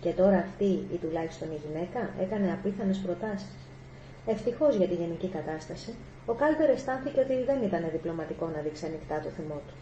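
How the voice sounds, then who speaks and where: A woman narrating a short story in a steady audiobook reading. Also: fairly low pitch, highs cut off, slight background noise. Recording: echoey room, faint ambience.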